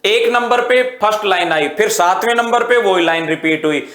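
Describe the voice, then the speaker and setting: A man's voice: high-pitched, normal speed, fairly bright tone, reverberant. A male teacher giving an exam-prep literature lecture, mixing Hindi with English terms and quizzing his students with rhetorical questions, calling them "beta".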